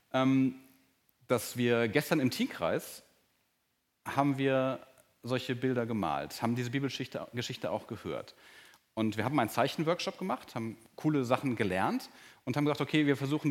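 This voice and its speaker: A man preaching a sermon to his congregation in a church hall. He talks earnestly and often drops to a soft, slow voice to stress a point. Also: medium pitch. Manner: earnest, varies pace and volume, drops to soft, slow emphasis. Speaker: pastor.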